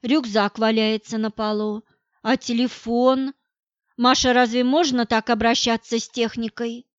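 A woman's voice: fairly high pitch, level tone, a little slow, smooth, no room sound, lightly acted. A woman doing a bossy, worried mother. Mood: insistent. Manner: insistent, questioning. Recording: dull dry recording.

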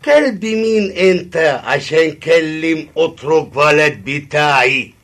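Arrogant, forceful Turkish soldier. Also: male voice, on the high side, lively intonation, takes it slowly, full character voice. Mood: scornful, angry. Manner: broken Arabic, contemptuous barking. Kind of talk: radio drama acting.

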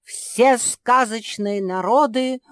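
A woman doing a booming royal herald. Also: dry recording, clean studio sound. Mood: proclaiming. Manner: loud, drawn-out declaiming.

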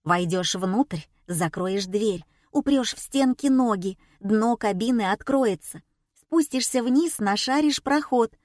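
A woman's voice: on the high side, animated, slow, darkish tone, no echo, clean studio sound. Brief: a woman as a curt male backstage hand hissing orders, storybook reading. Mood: urgent hissing. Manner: hissed whispered commands.

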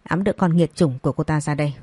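A woman's voice: low voice, fast, dark tone, slightly rough, no echo. A woman voicing a harsh, domineering older mother-in-law in an audio story, speaking in a cold, commanding way.

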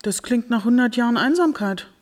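A woman's voice: fairly high pitch, animated. An actress playing an impulsive, curious woman journalist who asks pointed questions in a radio drama. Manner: impulsive, quick, probing questions.

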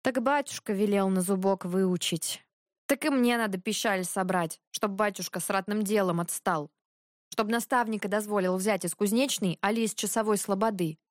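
A woman's voice: mid-range voice, moderate pace, no room sound, studio quality, close to an everyday voice. A woman voicing a reluctant, stubborn young prince who answers curtly. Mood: sullen. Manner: curt, quietly stubborn.

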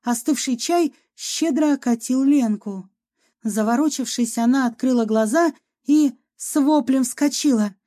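A woman reads a story aloud in a lively, expressive way. Her voice is mellow and warm, pitched a little high. It sounds like an audiobook narration. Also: unhurried.

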